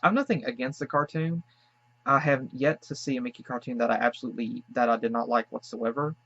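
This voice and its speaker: A man's voice: mid-range voice, fairly even intonation, brisk, fairly bright tone. A man from the Southern United States hosting a casual cartoon reaction, talking in a hesitant, musing way with lots of fillers and apologetic asides. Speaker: cartoon reaction channel host. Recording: dull lo-fi dry recording.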